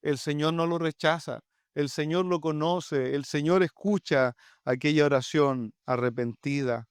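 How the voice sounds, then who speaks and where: A man's voice: on the high side, measured pace, clean tone, dry recording, clean studio sound. A man with a Chilean Spanish accent, a pastor preaching a sermon in an earnest, pleading way, often addressing his listeners directly.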